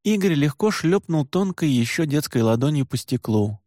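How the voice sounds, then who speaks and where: A man narrating a novel in a measured, even storytelling voice. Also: a little high, dry recording, clean studio sound. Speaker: audiobook narrator. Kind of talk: scripted narration.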